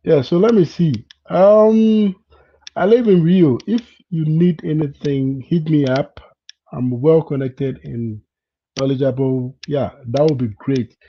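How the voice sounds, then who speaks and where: Through dull, lo-fi audio comes a man from Ghana with a fairly high pitch, speaking slowly. Hosting a casual live chat as a vlogger, he repeats words and keeps asking viewers "you understand?"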